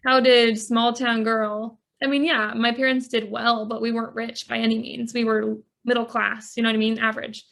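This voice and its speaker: A woman with a fairly high, gravelly voice speaks as a life coach on a podcast. She tells her story earnestly, leaning on casual "like" fillers, and her pitch stays flat and level throughout. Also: moderate pace, hardly any pauses. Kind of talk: podcast interview.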